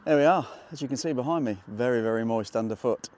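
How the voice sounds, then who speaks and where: A man from England vlogging while metal detecting in a muddy field, chatty and excitable, talking straight to his viewers. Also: medium pitch, quick pace, slight background noise. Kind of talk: casual outdoor vlog narration.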